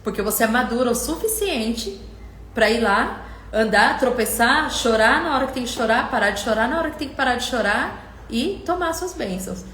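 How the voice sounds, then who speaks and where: A woman's voice: on the high side, lively intonation, normal speed, a bit bright, roomy sound, slight background noise. A middle-aged woman coach hosting a live stream, speaking passionately and directly to viewers and acting out their words. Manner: passionate, speaks straight to viewers, quotes them in acted voices. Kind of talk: emotional live coaching talk.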